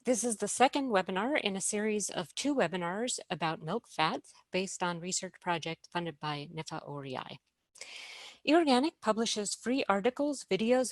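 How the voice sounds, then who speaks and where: A woman hosting a webinar, reading a clear, welcoming introduction of the presenters. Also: mid-range voice, no echo. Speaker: webinar host and moderator. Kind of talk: scripted introduction.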